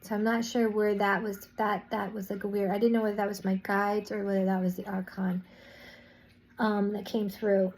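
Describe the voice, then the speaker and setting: A woman's voice: mid-range voice, level tone, moderate pace, darkish tone, low-quality recording. A woman vlogger casually recounting a spiritual experience, rambling with restarts and "I was like" asides.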